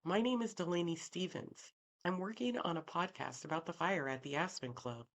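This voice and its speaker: A woman's voice: fairly low pitch, normal speed, voice pushed up. A woman voicing an eager, slightly pushy young male podcaster in his late twenties, reading an audiobook.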